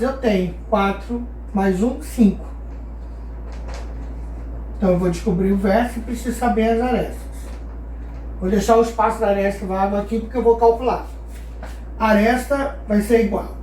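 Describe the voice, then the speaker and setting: A woman's voice: medium pitch, dark tone, slight background noise. A woman teaching a math lesson, patiently asking her class questions and answering them herself. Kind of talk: explaining a geometry lesson. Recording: echoey room, voice far from mic.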